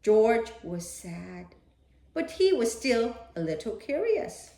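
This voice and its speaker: A female storyteller gives an expressive read-aloud of a children's picture book, her fairly high, creaky voice full of very lively intonation. She takes her time, staying playful and dramatic, and makes animated asides to a young listener in an echoey room.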